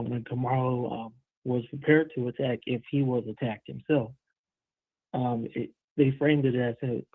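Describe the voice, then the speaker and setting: A man's voice: medium pitch, no echo. A man from Virginia calling in to a live show over a muffled Bluetooth phone line, speaking hesitantly with many ums and restarts. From Virginia, USA. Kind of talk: call-in commentary. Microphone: Bluetooth headset on a phone call.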